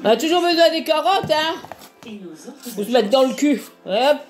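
Older Frenchwoman, home vlogger, earthy gossipy kitchen chatter, a little high-pitched. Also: animated, moderate pace, over music. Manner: earthy, chatty, constant "hein" tag. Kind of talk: casual chat while peeling vegetables.

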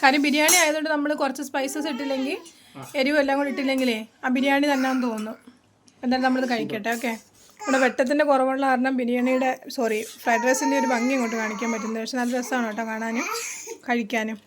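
A woman's voice: high voice, flat delivery, fast talker, background noise. A woman chatting casually in a home vlog, explaining her cooking. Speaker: family vlogger.

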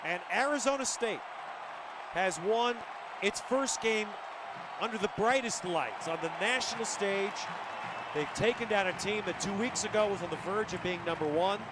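Male play-by-play announcer, excited football call, pitched very high, huge crowd roar behind. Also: normal speed, very noisy. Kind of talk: excited live sports commentary. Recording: loud stadium crowd behind broadcast. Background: roaring football stadium crowd.

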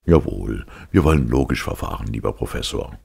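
A man with a very deep, gravelly voice voicing an easygoing captain who gives way in argument. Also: fairly quick, heavily acted. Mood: calm. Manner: calm, conceding. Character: easygoing male sea captain, yielding.

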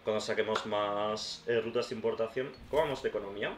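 A man with a lowish voice talks fast while playing, a YouTuber musing aloud in casual let's-play commentary. He speaks to viewers like friends, calling them "tío" and "hermanos," and the roomy recording carries faint background noise.

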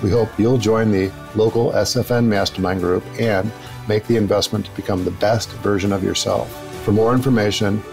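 A man hosting a podcast, reading his intro in a measured, announcer-like way and asking interview questions. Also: on the low side, fairly even intonation, vocal fry, a little mellow, faint music behind, low-quality recording. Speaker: podcast host.

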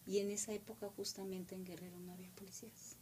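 A middle-aged woman with a Mexican accent telling a story with emotion, now loud, now dropping to a whisper. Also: medium pitch, fast, slight background noise. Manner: animated, drops to whispers.

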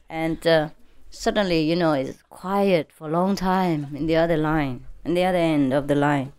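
A woman spiritual teacher telling a joke to an audience, laughing often and slipping into high-pitched character voices. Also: fairly even intonation, measured pace, a little mellow, clear, resonant tone. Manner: laughs often between lines.

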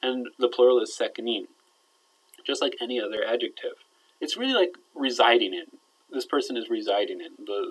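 In a recorded lecture, a male Arabic teacher explains verb grammar, checking in often with "all right?" and trailing off quietly as his voice drops at the ends of phrases. His voice is medium-pitched and slightly rough, and the recording is rough too.

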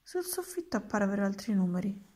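A woman reading a children's storybook aloud in a calm, even narration. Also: medium pitch, fairly quick. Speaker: reader.

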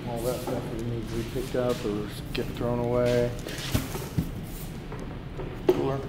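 A man's voice: medium pitch, a little slow, loud music behind the voice. A man giving a casual, joking walkthrough of auction items in a large warehouse, speaking into a handheld camera mic. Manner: chatty, joking, easily excited. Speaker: auctioneer giving a preview tour.

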